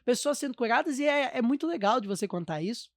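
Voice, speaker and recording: A man's voice: extremely high pitch, expressive, fast, no room sound, clean studio sound. A Brazilian man hosting a church podcast, responding to his guest with enthusiastic, reflective remarks. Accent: Brazilian Portuguese. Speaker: podcast host. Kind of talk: conversational interview.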